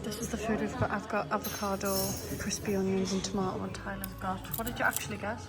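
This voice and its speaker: A woman's voice: medium pitch, flat delivery, fast, loud music behind the voice. A woman chatting casually and rambling as she vlogs on a handheld camera. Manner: chatty, rambling, laughing asides. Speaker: vlogger. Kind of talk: casual vlog chat. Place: outdoors by a lake. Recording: outdoor noise.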